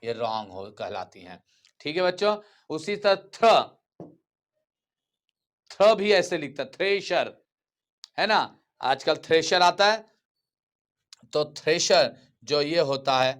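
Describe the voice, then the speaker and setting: A man's voice: fairly high pitch, sing-song, takes it slowly, pauses often. A male teacher giving a grammar lecture, who keeps repeating key terms and asking his students questions before answering them himself.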